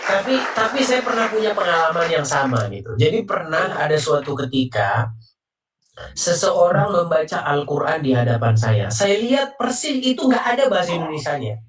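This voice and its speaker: A woman hosting a religious debate talk, explaining her points with assurance and often closing them with a low "begitu". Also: sing-song, moderate pace, faint music behind. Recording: echoey, distant from mic.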